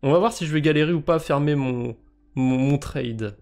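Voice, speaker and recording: A man's voice: a little high, moderate pace, a little mellow. Joking French man streaming crypto quests. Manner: joking, self-mocking, thinks aloud with fillers. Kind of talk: casual live-stream commentary.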